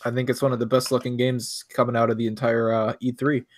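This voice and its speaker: A man co-hosting a gaming podcast in casual chat, talking excitedly and restarting his sentences when hyped. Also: medium pitch, fast talker. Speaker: podcast co-host.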